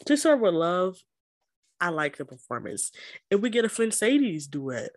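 A woman co-hosting a podcast in casual chat, animated and joking with frequent laughs. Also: fairly low pitch, moderate pace, no echo. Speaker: podcast co-host.

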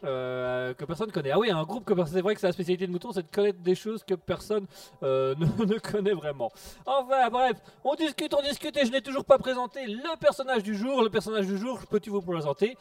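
A man hosting a casual radio show, reading out listener messages with relaxed jokes that trail off into low mutters. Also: fairly quick, dry recording. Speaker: radio host. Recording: distant mic with music behind.

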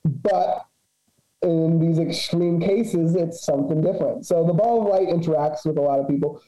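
A man's voice: fairly high pitch, warm tone. A man talking as a podcast guest in a laid-back, profane way, laughing often. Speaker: guest researcher. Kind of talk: casual podcast chat. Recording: echoey, dull lo-fi sound.

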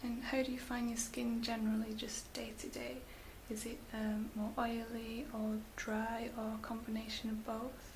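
A woman whispering gently as a spa beauty therapist in an ASMR roleplay, slow and soft with little fillers. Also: fairly high pitch, completely flat delivery. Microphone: close sensitive mic. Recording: hissy close mic.

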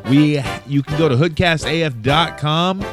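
A man's voice: fairly high pitch, normal speed, music in the background. A man hosting a comedy podcast, joking and laughing in loose casual banter. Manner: joking, animated, laughs often. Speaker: podcast host.

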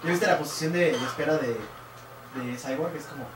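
High-voiced young man with a Mexican accent. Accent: Mexican Spanish. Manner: joking, swearing, fast asides. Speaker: gameplay commentator. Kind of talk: casual crude banter. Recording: echoey room, far mic, loud noise.

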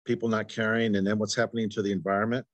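A man hosting his podcast, speaking earnestly and haltingly, with frequent restarts and stutters. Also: lowish voice, level tone, no echo. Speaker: podcast host. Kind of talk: conversational interview.

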